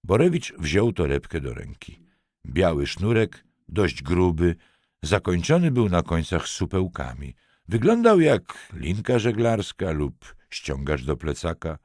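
A man narrating a crime story audiobook in a measured, expressive reading. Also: deep voice, no room sound, clean studio sound.

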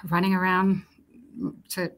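A woman in her forties, from Romania, answering interview questions over a video call in a measured, thoughtful way with frequent ums. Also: lowish voice, monotone. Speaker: guest, talent executive. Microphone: webcam on a video call.

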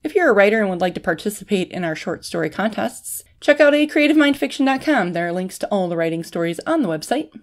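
A woman hosting a fiction podcast, reading a thriller story in a plain, steady way. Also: medium pitch, quick pace, few pauses. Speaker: podcast host and author.

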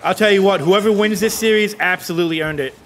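High bright-voiced esports play-by-play caster. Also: male voice, slight background noise. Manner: rapid excitable calls, rising to yells on goals. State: out of breath.

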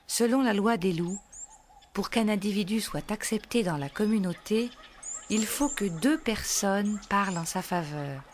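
A woman narrating a children's storybook in a slow, gentle storytelling manner. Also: mid-range voice, animated, a little hiss or hum.

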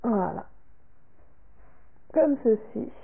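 A woman vlogger showing a product order in casual talk, halting and trailing off softly after each item. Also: a little high, expressive, gravelly, slightly rough. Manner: slow and halting, repeats "comme ceci" and "voilà", trails off softly. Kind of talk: casual unboxing talk to camera. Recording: tinny phone-like sound.

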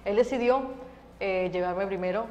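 A woman's voice: medium pitch, normal speed. Laughing Venezuelan woman singer, reverby studio. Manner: lively, laughs often, many fillers. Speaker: singer, interview guest. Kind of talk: casual interview chat. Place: TV studio set.

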